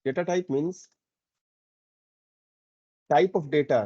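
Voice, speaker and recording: A man teaching a programming lesson, explaining step by step and often checking in with a quick "okay". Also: fairly high pitch, dark tone, dull audio. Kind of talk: screen-recorded coding lesson.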